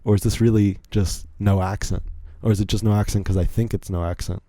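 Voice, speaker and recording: This young American podcast host from Virginia has a lowish, warm voice with a steady tone and a fairly quick pace. He tells stories on his solo show in a rambling, chatty manner full of asides, and the recording has no echo.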